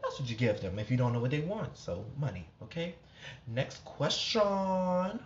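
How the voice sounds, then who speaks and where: A young man hosting a casual podcast, talking in an animated, sassy way and laughing often. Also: medium pitch, moderate pace, lo-fi sound, a little hiss or hum. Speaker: podcast host.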